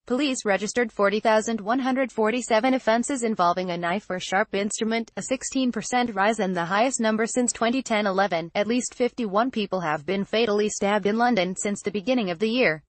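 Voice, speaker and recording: A woman reading a news article aloud as scripted narration, in an even, flat delivery. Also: mid-range voice, a little fast, hardly any pauses, dry recording. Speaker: news reader.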